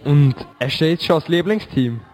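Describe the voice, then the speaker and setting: A man's voice: on the high side, expressive, normal speed, a little mellow, soft background music. A man interviewing children in a casual way, asking short, repeated questions. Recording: long hall reverb.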